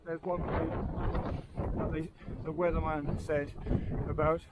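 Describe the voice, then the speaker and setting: Out on a blustery hillside, a breathless Englishman in his fifties vlogs his wild camping hike, talking slowly in a slightly high, level-toned voice. He rambles chattily to his viewers while loud wind noise batters the clip-on wireless mic.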